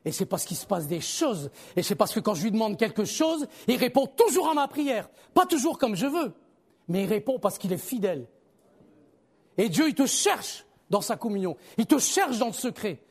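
At a moderate pace and with a slightly rough voice, this preacher talks animatedly and conversationally. His sermon swings from booming calls to the congregation to hushed, quiet remarks.

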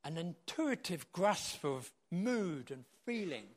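A man preaching a sermon in short phrases, pausing so an interpreter can translate. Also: high-pitched, big pitch swings.

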